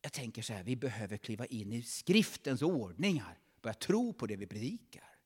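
A male pastor delivers a fervent sermon in a church. His pitch swings widely as he talks, and he breaks off to call out praises between points. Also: sing-song, darkish tone, husky.

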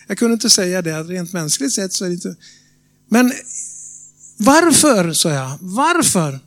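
A man with a Norrland Swedish accent delivers a sermon. His voice sits high for a man, and he tells the story dramatically. He turns to the congregation with questions. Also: very animated. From Norrland, Sweden. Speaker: preacher. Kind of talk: sermon testimony.

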